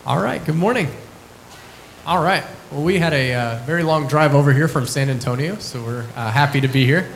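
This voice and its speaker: A man's voice: on the high side, a little fast, gravelly, slight background noise, rough recording. Friendly man giving a church testimony. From Lubbock, Texas. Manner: friendly, relaxed, hesitant with many fillers. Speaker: ministry staff member.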